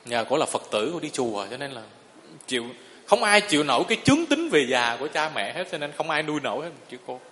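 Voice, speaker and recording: A man's voice: a little high, sing-song, quick pace, bright, forceful tone. A man, a Buddhist monk giving a sermon in a folksy storytelling way and often asking the listeners if they agree. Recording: long reverb of a hall.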